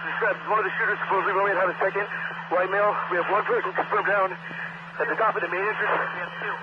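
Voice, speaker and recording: Male officer, terse police radio reports, high pitch, dull and very noisy sound. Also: fairly even intonation, fast.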